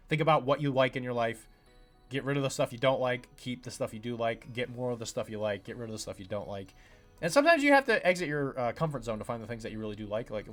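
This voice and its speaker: Speaking at a medium pitch with a fairly bright tone, a man who is a chiropractor hosts his own podcast. His casual monologue wanders, crowded with fillers and acted-out patient quotes.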